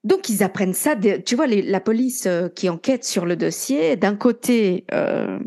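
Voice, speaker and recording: A young woman co-hosts a podcast, casually retelling a true-crime story and chatting with her co-host. Her medium-pitched voice is animated and dark-toned at a moderate pace. She's chatty and recounts events using quoted dialogue.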